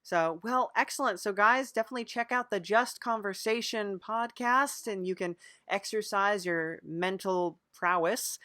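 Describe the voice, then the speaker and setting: Bright and forceful, her medium-pitched voice moves at a normal speed with barely any pauses. As host of the podcast, she keeps the improvised interview light and teasing, feigning earnestness.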